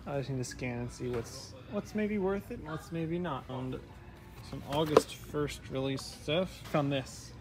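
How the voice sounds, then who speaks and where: A man talking in a chatty, excitable travel vlog from his car and roadside stops, filming himself on a handheld camera. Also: fairly high pitch, measured pace, music in the background. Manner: excitable, chatty, jumps between asides. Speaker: vlogger. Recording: road and car noise behind.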